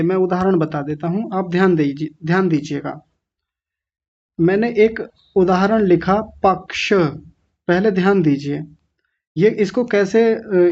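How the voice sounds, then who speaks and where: A man teaching children pronunciation in a classroom, patient and gentle, repeating sounds slowly. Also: high-pitched. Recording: dull lo-fi classroom recording.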